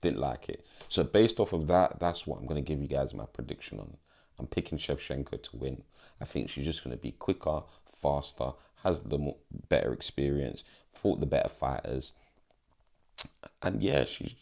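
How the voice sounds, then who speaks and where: A man's voice: very deep voice, vocal fry, mellow. A young man giving casual, slangy fight predictions in an emphatic, pleading way. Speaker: MMA vlogger.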